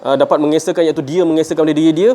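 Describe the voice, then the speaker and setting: A man's voice: fairly high pitch, steady tone, rapid-fire, dark tone. A man with a Malaysian Malay accent, a student who recites a Quran verse and then asks a hesitant question full of fillers.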